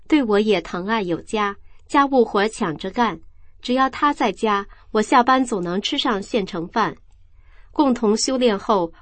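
A woman reading a first-person account aloud in a calm, measured storytelling voice. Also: a little high, no room sound.

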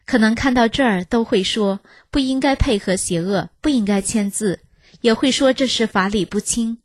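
A woman giving a steady, earnest, scripted first-person reading of a personal testimony. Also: on the high side, dry recording. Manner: measured, earnest, steady delivery.

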